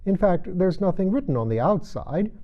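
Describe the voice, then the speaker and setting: A fussy, eager rabbit court herald voiced by a man, pitched well up and hurried in a deferential way. It is a storybook character on a slightly dull recording. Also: big pitch swings. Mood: eager, flustered.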